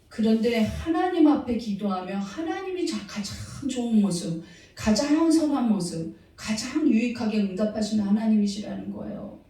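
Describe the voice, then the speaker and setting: A woman's voice: mid-range voice, dark tone. A woman preaching a sermon to her congregation, earnestly asking them rhetorical questions. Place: church sanctuary. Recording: very echoey hall, mic far off.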